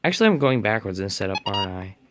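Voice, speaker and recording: A hobbyist reviewer mutters to himself while giving casual unboxing and setup commentary as he works. His voice is lowish, very animated, and fast. The home recording is noisy, with clicks and beeps.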